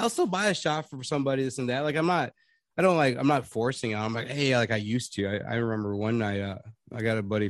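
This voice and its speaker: A man's voice: medium pitch, dry recording. A man on a podcast telling long rambling stories in casual chat, laughing often. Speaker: podcast guest.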